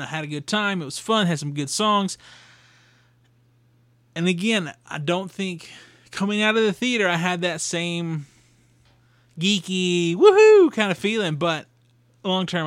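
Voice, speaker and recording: On his solo podcast, a young man reviews something in a casual, rambling way, full of fillers and restarts. His voice sits high and fairly bright, with no echo.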